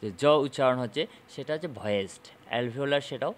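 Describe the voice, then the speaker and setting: A man teaching a phonetics lesson, slowly repeating and demonstrating sounds and often checking "okay?". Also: mid-range voice.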